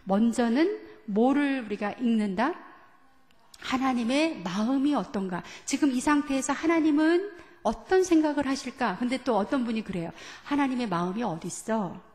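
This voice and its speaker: A woman's voice: sits high, lively intonation, moderate pace, darkish tone, in a large hall. A woman pastor giving a teaching sermon, asking the congregation questions and leading them through scripture readings. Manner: asks the congregation questions and leads group reading. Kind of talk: sermon lecture. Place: church sanctuary.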